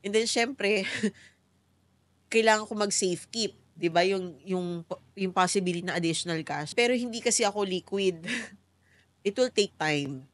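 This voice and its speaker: A middle-aged woman telling her own story as a guest in a talk show interview, soft-spoken and reflective, switching into English now and then. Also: medium pitch, a little slow, long pauses, no room sound. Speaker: interview guest, cancer survivor.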